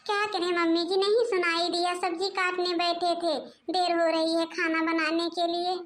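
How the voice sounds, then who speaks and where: A woman's voice: very high voice, flat delivery, moderate pace, a bit bright. A woman voicing a meek, overworked young daughter-in-law in a cartoon, speaking timidly and apologetically. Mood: apologetic.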